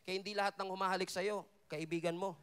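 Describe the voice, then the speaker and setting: A male pastor preaching a sermon at a worship festival, full of energy and humor, dropping low and soft when he quotes Jesus. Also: quick pace, smooth. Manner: animated preaching, drops low and soft for quoted lines, jokes with the crowd. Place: large hall at a worship event.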